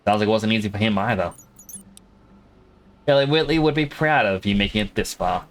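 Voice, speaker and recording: While streaming a game, this man gives casual, long-winded explanations in an Australian accent tinged with American. He speaks briskly in a fairly low voice, and the recording has a faint hiss or hum.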